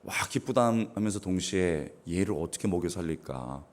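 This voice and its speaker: A middle-aged man delivering a revival sermon in a low, deep voice. His pitch leaps and falls widely as he preaches, breaking into sudden raised exclamations and clearing his throat now and then. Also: expressive, normal speed. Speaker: guest pastor.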